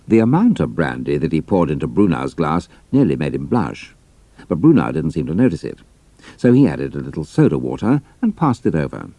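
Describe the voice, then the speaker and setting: A man's voice: extremely low pitch, big pitch swings, brisk, warm tone, no room sound. A man narrating an adventure story in a scripted, dramatic style.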